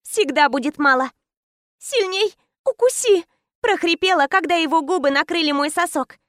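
High-voiced woman narrating intensely. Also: a little fast, a bit bright, no echo, clean studio sound. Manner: intense, clipped short phrases. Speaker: audiobook narrator. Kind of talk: first-person romance narration.

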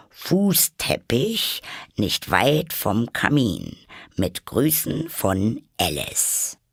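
A man's voice: on the low side, creaky, fairly bright tone, no echo, studio quality, exaggerated voice. A man reading a storybook voices Alice, a young girl who is curious and tearful and scolds herself sharply. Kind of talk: audiobook character voice.

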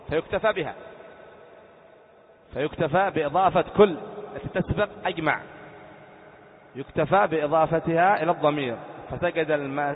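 A man, a sheikh, giving a classroom grammar lesson and quizzing his students with quick questions. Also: a little high. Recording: tinny lo-fi sound in echoey hall.

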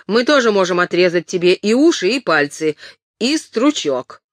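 A reader voicing a coarse peasant village headman with a thin, shrill, harsh voice. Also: very animated, moderate pace, no echo, clean studio sound, lightly acted. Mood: furious.

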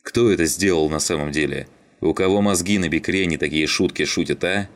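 A man voicing a gruff middle-aged train driver who lays down the law. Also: low-pitched, fairly quick, lightly acted. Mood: stern. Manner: gruff, bossy, threatening.

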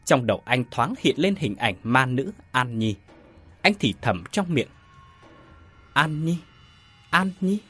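Guy reading a ghost story, husky voice, pitch all over the place, faint music. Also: sing-song, measured pace, fairly bright tone. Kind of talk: horror story narration.

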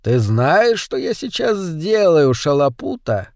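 A man's voice: fairly high pitch, very animated, takes it slowly, dry recording, clean studio sound, heavily acted. A man playing a cruel, short bullying master who barks and sneers at his servant. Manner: barking, sneering and mocking.

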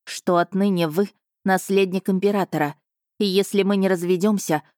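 A woman's voice: medium pitch, steady tone, moderate pace, darkish tone, dry recording, clean studio sound, natural voice. A woman playing a defiant young noble bride. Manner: terse, defiant retorts.

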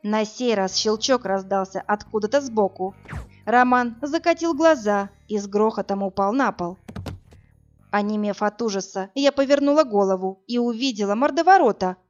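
A woman's voice: medium pitch, normal speed. A woman reading a first-person audiobook, delivering the dialogue with dramatic emotion. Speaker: audiobook narrator. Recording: dull lo-fi audio, faint music.

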